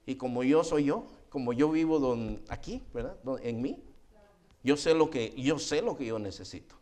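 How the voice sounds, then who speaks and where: A middle-aged man preaching a sermon as pastor, animated and often calling listeners "hermano". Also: normal speed. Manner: acts out quoted voices with rising pitch.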